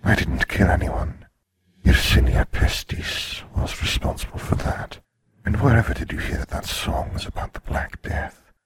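A man voicing Death, a polite skeleton in a robe, in a soft, breathy whisper with an unhurried, dry manner. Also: fairly low pitch, a little hiss or hum, pitched above the performer's own voice, lightly acted. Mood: calm, wry. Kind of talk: audiobook character voice.

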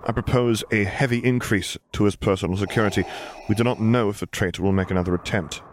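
A man's voice: on the low side, steady tone, quick pace, a little hiss or hum, close to an everyday voice. A man voicing a careful, loyal male captain speaking formally and respectfully to his superior. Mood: deferential.

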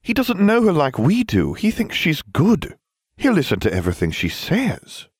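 A man voicing a sarcastic, petulant teenage boy wizard in a storybook reading, in a raised, quick voice. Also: on the high side, huge pitch swings, breathy edge, no echo, studio quality, voice pushed up, exaggerated voice. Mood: pleading. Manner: petulant, self-justifying.

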